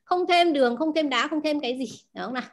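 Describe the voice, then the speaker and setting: Talking fast in a high voice, this woman, a native Vietnamese speaker, runs a language class. She breaks down words, questions her students frequently and says key words more than once.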